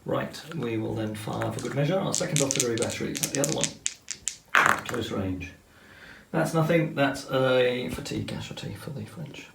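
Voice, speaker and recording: Playing a tabletop wargame, a man walks methodically through every step of his turn, explaining the rules as he goes. His creaky voice is medium-pitched at a normal speed, and the sound is roomy and very noisy.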